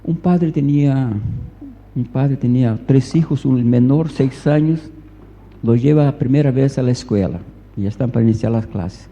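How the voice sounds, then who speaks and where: A man's voice: mid-range voice, moderate pace, dark tone. A man preaching a sermon in a church hall, telling a story and repeating phrases for emphasis, recorded with a reverberant, dull lo-fi sound.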